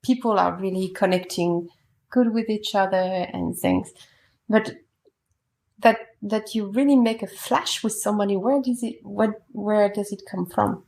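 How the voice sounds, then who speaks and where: A woman's voice: mid-range voice, fairly even intonation, a little slow, creaky, a little mellow. A woman from France, a native French speaker, hosting a casual podcast chat in English, asking eager questions and laughing often. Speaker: podcast host.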